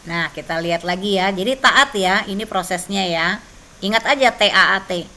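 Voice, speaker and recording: Brief: woman church trainer, bright tone, conversational teaching, faint background noise. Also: mid-range voice, moderate pace. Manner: conversational, frequent tag questions. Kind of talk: teaching with personal testimony.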